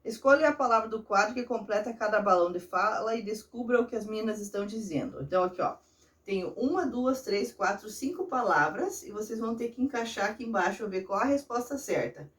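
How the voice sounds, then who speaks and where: Brazilian woman teacher, patient and encouraging with kids, mid-pitched, a little distant from the mic. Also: expressive, fairly quick. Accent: Brazilian Portuguese. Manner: patient, encouraging, explains step by step to children. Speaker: primary school teacher. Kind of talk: remote lesson walkthrough of a workbook.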